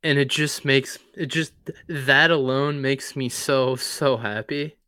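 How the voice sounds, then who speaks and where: A man co-hosting a podcast, chatting casually about his favorite movies in a relaxed, rambling way. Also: medium pitch, slow, clear, resonant tone, dry recording, clean studio sound. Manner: relaxed, rambling, with fillers and swearing. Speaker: podcast co-host.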